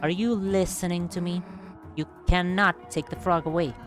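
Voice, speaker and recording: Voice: medium pitch, steady tone, moderate pace, fairly bright tone, faint music behind, lightly acted. Performer putting on an indignant, possessive protector. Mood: desperate. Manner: indignant, pleading, garbles phrases. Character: fiercely possessive, earnest protector of a frog friend.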